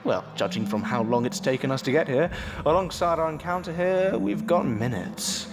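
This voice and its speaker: A man's voice: a little high, expressive, moderate pace, background noise. A man playing a seasoned, protective time-travelling adventurer in an audio drama, explaining things theatrically. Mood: urgent. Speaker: lead actor in a fan audio drama. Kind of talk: scripted audio drama acting. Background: music.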